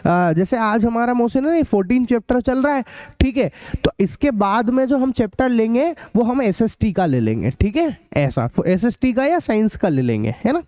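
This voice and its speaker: Young North Indian man, live maths tutor; chatty, drawn-out repeats, high but mellow voice, dry close sound. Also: sing-song, no room sound. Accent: Hindi-speaking north India, local card-game terms. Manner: chatty, repeats key phrases slowly, calls students beta and bhaiya. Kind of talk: live online maths class.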